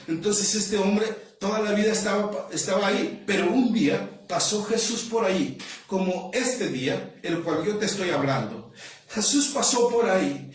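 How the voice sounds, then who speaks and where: A man preaching a sermon as an evangelist, with a fervent delivery and frequent shouting. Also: high-pitched. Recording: echoey hall, mic far off.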